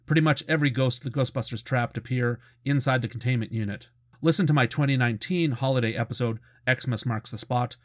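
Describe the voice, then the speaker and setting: On his cartoon retrospective show, a middle-aged man gives relaxed, informative commentary full of fan-style conversational enthusiasm. His mid-range voice comes across in a close, dry, studio-quality voice-over.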